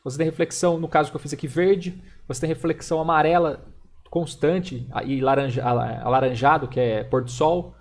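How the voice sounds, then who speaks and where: A man's voice: on the high side, steady tone, a little fast, darkish tone. A young man from Brazil teaching digital painting on a live stream, casual and chatty, pointing things out as he draws. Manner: casual and chatty, repeats "ó" while demonstrating. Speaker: digital illustration instructor.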